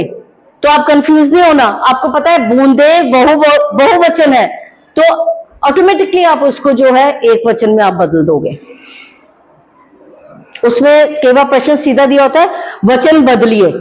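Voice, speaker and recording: A woman teaching Hindi grammar to students, drawing out each word slowly so they can copy her pronunciation and calling them "beta" as she explains. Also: high voice, darkish tone, low-quality recording. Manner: slow, drawn-out pronunciation of words for students to copy; addresses students fondly as "beta".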